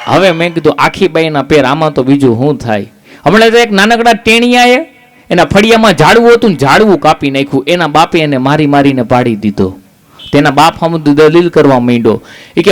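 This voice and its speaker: High-voiced male stand-up comic. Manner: storytelling jokes with quoted dialogue. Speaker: stand-up comedian. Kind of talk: live Gujarati stand-up jokes. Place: live stage show.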